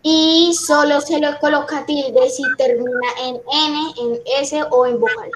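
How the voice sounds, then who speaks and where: An eager student with a high voice answers in class and keeps calling out to the teacher. A faint hiss sits under the voice. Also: female voice, steady tone, measured pace. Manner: eager, calls out "profe" repeatedly.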